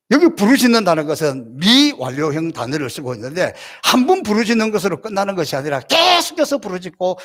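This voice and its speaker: Man, pastor, middle-aged, impassioned sermon, loud to soft, lively pitch. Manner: impassioned, swings from loud cries to soft murmurs; acts out God's reassuring words gently.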